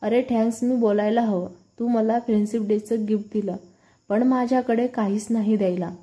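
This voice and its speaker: A woman voicing a shy but quick-witted young woman who gives short answers, in a read-aloud storybook. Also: a little high, steady tone, dark tone, lightly acted.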